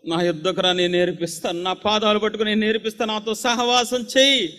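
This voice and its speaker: A man's voice: high voice, steady tone, fast, pushed and bright, in a large hall, voice pushed up. A male preacher speaking as God, pleading with his children and repeating tender promises.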